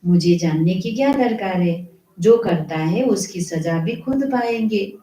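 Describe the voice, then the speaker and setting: A woman gives a devotional sermon at an unhurried, measured pace, stopping to ask and answer her own questions. Her voice is low and mellow. The room around her is echoey. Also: lively intonation. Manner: slow, explanatory preaching with rhetorical questions. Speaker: spiritual teacher. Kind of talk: devotional murli reading with commentary.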